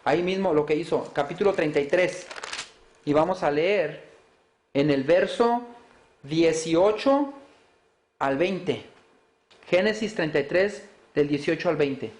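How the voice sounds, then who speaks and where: A man's voice: on the high side, animated, a little slow, pauses often, darkish tone, echoey room. A man preaching a sermon, asking his listeners rhetorical questions and answering them with rising emphasis.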